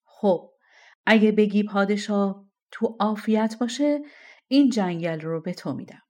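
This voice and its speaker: A woman voicing an angry, stubborn king who talks loudly, in a storybook reading. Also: medium pitch, natural voice. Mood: coaxing. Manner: loud, shouting commands.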